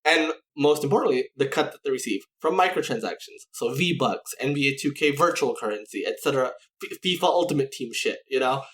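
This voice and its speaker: On a gaming podcast, a co-host rambles casually at a slightly fast pace, his pitch swinging widely and his sentences restarting with hardly any pauses. He's animated and a bit bright, repeatedly tossing in "right?" and "you know?" in an echoey room.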